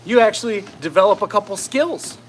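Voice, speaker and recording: A man giving a casual motivational fitness talk as a coach while walking briskly on a treadmill, often checking in with "right?". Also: sits high, lively intonation, a little hiss or hum. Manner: conversational, often tags phrases with "right?".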